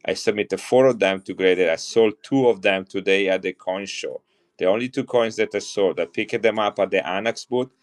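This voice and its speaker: Showing and selling coins on a live stream, a middle-aged Italian man chats casually and enthusiastically with his viewers. His accent is Italian, and his voice is on the low side at a normal speed.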